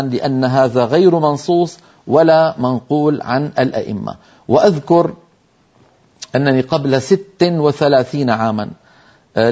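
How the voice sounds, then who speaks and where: A man's voice: medium pitch, a little mellow, muffled recording. An older man teaching Quran recitation in a TV lesson, explaining pronunciation patiently and emphatically while sounding out single letters.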